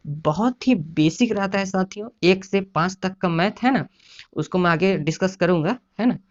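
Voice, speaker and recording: A man explaining exam preparation in a casual lecture, often repeating "है ना" and "साथियों". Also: high-pitched. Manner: repetitive, keeps adding "है ना" and "साथियों". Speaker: exam prep teacher. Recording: dull lo-fi sound.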